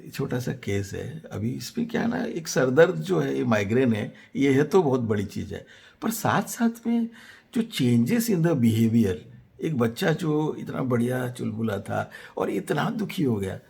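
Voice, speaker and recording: A man teaching a homeopathy case. He retells the family's story in first person, then analyses it, mixing Hindi with English phrases and pausing on fillers. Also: mid-range voice, sing-song, gravelly, darkish tone. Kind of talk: case lecture.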